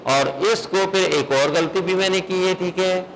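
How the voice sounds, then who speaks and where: A man teaching a recitation class, quizzing his students on the rules and chanting verses slowly to show how they are read. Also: high-pitched, a bit bright, slight background noise, low-quality recording. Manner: questions students, then chants verses in slow melodic recitation. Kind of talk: classroom lesson.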